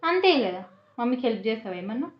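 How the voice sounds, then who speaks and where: A mother playfully teases and coaxes her toddler with sing-song questions, her voice a little high, fast, and full of big pitch swings. The sound is muffled and echoey, as in a room at home.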